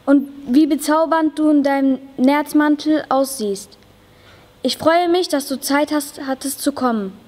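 Fussy, effusive little old chocolate maker read by a girl, high voice, echoing hall. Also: measured pace, a little mellow. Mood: welcoming. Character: lively, excitable small old male chocolate maker. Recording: long reverb of a school hall.

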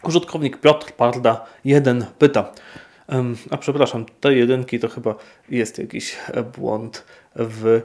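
A man, a priest, answering viewer questions in an unscripted Q&A, speaking in a measured way with frequent hesitations. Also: mid-range voice, fairly even intonation, darkish tone.

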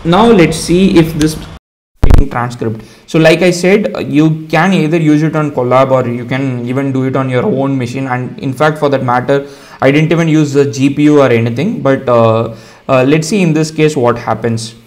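A man's voice: mid-range voice, moderate pace. Indian man talking through a coding tutorial. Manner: relaxed, explaining step by step with many fillers. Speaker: tutorial host. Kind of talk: casual screen-share coding tutorial.

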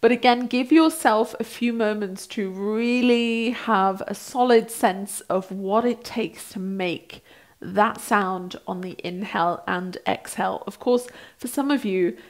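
A woman in her thirties leads a guided breathing exercise as an instructor. Her voice sits at an average pitch. She gives step-by-step directions gently and without hurry, leaving space between phrases. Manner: gentle, unhurried guiding with pauses. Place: small bright indoor room, seated on a mat.

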